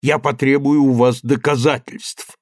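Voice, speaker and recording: A man voicing a stern, reproachful middle-aged father in an audiobook, speaking low and bitterly. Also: flat delivery, measured pace, dry recording, studio quality, natural voice. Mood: commanding.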